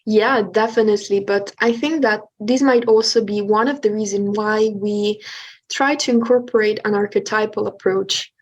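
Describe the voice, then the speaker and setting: Co-hosting a laid-back podcast chat, this Swiss woman from the Italian-speaking region talks in an earnest, explanatory way, now and then hesitating. She speaks at a normal pace in a mid-range voice with fairly even intonation, over dull audio.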